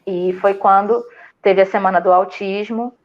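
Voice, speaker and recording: A woman with a Brazilian Portuguese accent telling her story in a casual interview, animated and full of fillers and restarts. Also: mid-range voice, a little slow, highs cut off. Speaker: student telling her experience.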